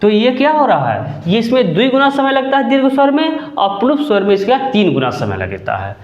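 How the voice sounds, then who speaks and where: Animated man teaching slowly in an echoey room. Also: extremely high pitch. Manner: drawn-out, emphatic repetition of sounds; checks with the class often. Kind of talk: classroom grammar lesson. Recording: echoey, dull room sound with faint noise.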